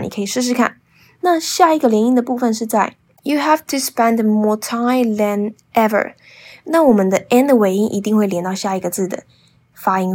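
A woman hosts a bilingual English speaking lesson. She slows down to model English pronunciation and then explains quickly. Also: medium pitch. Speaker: English teacher and podcast host.

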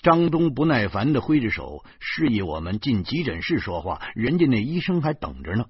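A man narrating a novel in the first person, wry and animated. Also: mid-range voice, moderate pace, breathy edge, no room sound. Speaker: audiobook narrator. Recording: dull lo-fi recording.

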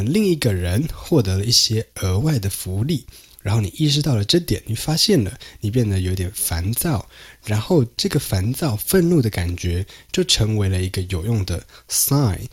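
Hosting a podcast alone, a man with a husky, medium-pitched voice walks through research findings. His explanation is conversational, full of fillers, and sprinkled with English terms.

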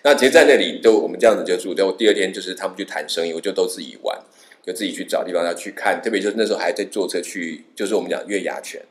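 A man's voice: deep voice, very fast. A man from Taiwan, telling a travel story in casual chat and acting out the people in it. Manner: animated, acts out the people in his stories with a raised voice. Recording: roomy reverberant sound.

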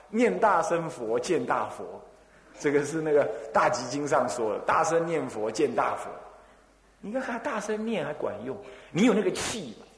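A man from Taiwan, the abbot of a temple, giving a Buddhist dharma talk in a lively storytelling way, full of rhetorical questions and little chuckles. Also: fairly high pitch. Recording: echoey hall.

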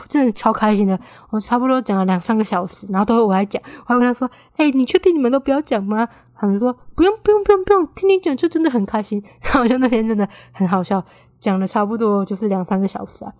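Young Taiwanese woman podcaster, casual storyteller, mid-pitched, dead-dry close mic. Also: no room sound. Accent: Taiwanese Mandarin. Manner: chatty, animated when quoting friends. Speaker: podcast host.

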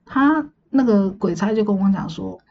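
A woman, casually telling a dream story on her podcast in a chatty, meandering way, often pausing to recall details. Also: medium pitch, expressive, creaky, dull audio, a little hiss or hum. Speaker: podcast host.

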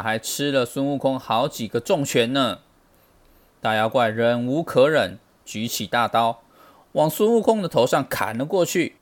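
Casting: a father in his thirties telling a bedtime story, lively and expressive, at a mid pitch. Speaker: storyteller, parent. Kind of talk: reading a children's story aloud.

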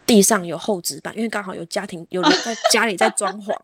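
A woman telling a story in casual chat, animated, laughing often and acting out what people said. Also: mid-range voice, quick pace, husky, no echo. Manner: animated, laughs often, acts out quoted speech.

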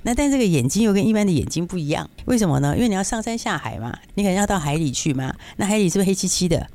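A man's voice: high-pitched, lively intonation, rapid-fire, darkish tone. A man with a Taiwanese accent giving casual market commentary as a stock analyst, explaining things with frequent rhetorical check-in questions.

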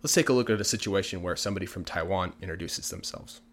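A male English teacher and native English speaker talks fast in a low-sitting voice. He patiently explains language points in a casual lesson, speaking plainly and giving lots of examples.

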